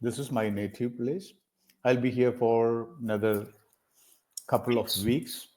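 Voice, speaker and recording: A man's voice: mid-range voice, steady tone, measured pace, a little mellow. A man from India, tutoring on a video call, encouraging and rattling off example sentences. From South India. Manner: encouraging, repeats phrases and gives many example sentences. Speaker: English tutor. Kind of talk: conversational English practice session.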